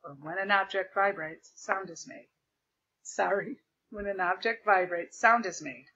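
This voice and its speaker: Over a video call from her home desk with a document camera, a woman teacher loudly projects her voice while explaining a remote lesson step by step and repeating key points. Her pitch is medium, her pace measured, and her voice has a breathy edge. The computer mic cuts off the highs.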